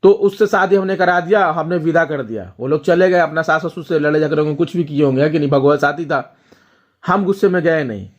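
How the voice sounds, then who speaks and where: A man's voice: on the high side, a little fast, dull audio. A young man, a vlogger, telling viewers a family story in casual talk, often checking in with them as he goes. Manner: storytelling, addresses viewers directly with frequent "ठीक है?".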